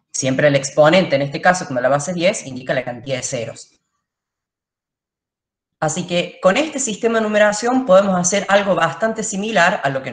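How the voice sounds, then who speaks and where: Teacher, female, low-pitched, patient classroom explainer, reverberant room. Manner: explains step by step, checks in with the class. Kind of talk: classroom lecture.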